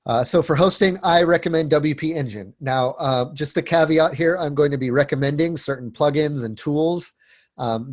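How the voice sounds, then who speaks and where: Sniffling and congested, this man gives a webinar in a loose, casual way, constantly using fillers, starting over, and repeating words. The voice is mid-range and a little mellow, captured as clean studio audio without echo.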